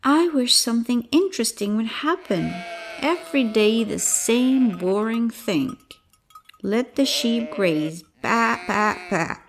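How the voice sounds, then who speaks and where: A woman voicing a mischievous young shepherd boy in a storybook reading, shouting and giggling in a high voice. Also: expressive, slow. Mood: bored, whining.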